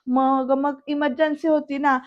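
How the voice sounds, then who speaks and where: A woman's voice: sits high, level tone, unhurried. A woman voicing a nervous young woman who answers hesitantly and evasively, on a slightly dull recording. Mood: flustered.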